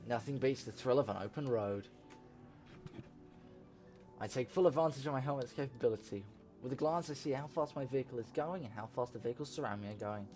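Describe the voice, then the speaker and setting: A man hosting a let's play, reading a visual novel aloud in an animated way. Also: mid-range voice, a little fast, soft background music. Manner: animated reading, laughs and shouts at tense moments.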